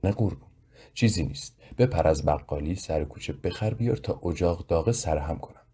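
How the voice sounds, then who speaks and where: A man voicing a kind, doting older mother in a narrated story, with a husky voice. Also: deep voice, warm tone, exaggerated voice. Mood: fond. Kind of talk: audiobook character voice.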